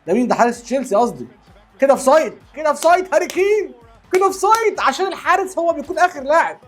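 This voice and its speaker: Excitable Egyptian man reacting to football. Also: very high voice. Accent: Egyptian Arabic. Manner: animated, exclaiming, repeats words.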